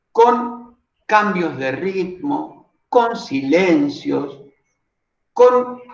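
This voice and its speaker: A man teaching a workshop class on reading aloud, reflective, often asking rhetorical questions of his listeners. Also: high voice. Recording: roomy, dull lo-fi recording.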